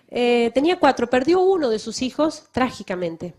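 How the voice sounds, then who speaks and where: Woman missionary giving a talk at church, high-ish voice that swoops around, emphatic, lots of questions at the crowd. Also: darkish tone. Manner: emphatic, full of rhetorical questions. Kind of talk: public talk to a church audience.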